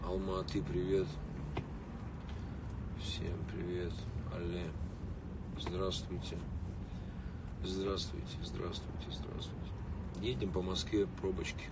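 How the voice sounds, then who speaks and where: Slow, with long pauses and little pitch movement, a low-voiced man in his late thirties talks casually to fans on a livestream, calling out viewers by name. He's in a car in city traffic, and a phone at arm's length picks him up from a distance with street noise around.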